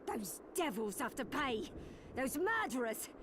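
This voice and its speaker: An actress with an English accent playing an earnest, grieving widow out for vengeance in a video game. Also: female voice, high-pitched, big pitch swings, measured pace, over a noisy crowd. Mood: bitter, pleading. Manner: earnest, dramatic. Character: grieving, vengeful young widow pleading for help.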